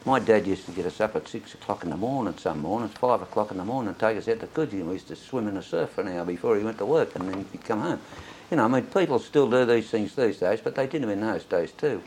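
An old Australian man with a fairly low voice reminisces as a veteran looking back on his life. He tells it in a rambling, anecdotal way, as in an oral history interview, with noticeable noise behind him. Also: expressive, quick pace, hardly any pauses, darkish tone, low-quality recording. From Sydney, Australia. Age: elderly.

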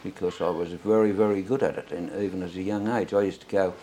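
Low-voiced elderly Australian veteran reminiscing. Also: male voice, fairly even intonation, quick pace, mellow, a little hiss or hum. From Sydney, Australia. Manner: old veteran remembering, rambling and anecdotal. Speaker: interviewee, war veteran. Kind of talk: oral history reminiscence.

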